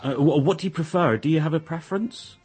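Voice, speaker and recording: A man interviewing casually in a halting, tentative way, often restarting his questions. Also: on the high side, a little mellow, slightly rough, faint music behind.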